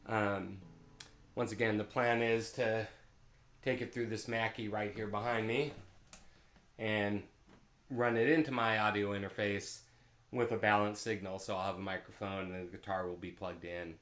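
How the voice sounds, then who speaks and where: A man with a low-side voice, fairly even intonation, a moderate pace and a slightly bright tone hosts a live music stream from a home room in California. Between songs he chats easily and rambles with his viewers. An open-air mic three or four feet away picks him up, giving a roomy echo.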